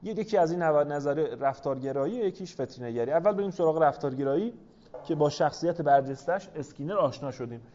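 Male lecturer teaching a class with rhetorical questions, slightly high voice, dull lo-fi recording. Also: expressive, warm tone, a little hiss or hum.

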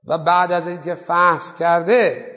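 A man's voice: high voice, level tone, bright, forceful tone, big-room sound, dull audio. A man teaching a seminary class on jurisprudence. He asks his students questions and then answers them himself. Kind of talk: Islamic jurisprudence class lecture.

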